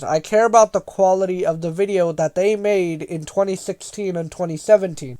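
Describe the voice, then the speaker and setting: A man's voice: high-pitched, darkish tone. A man doing casual commentary as he reads and answers comments, with a sarcastic, exasperated way of rebutting them. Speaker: video creator reading and answering viewer comments.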